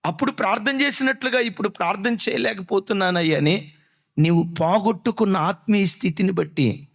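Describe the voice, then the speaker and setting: A man with a high voice preaches a sermon. His delivery is dramatic, with sudden drops and rises as he acts out prayers, and he keeps putting rhetorical questions to the congregation. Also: brisk, creaky. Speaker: pastor.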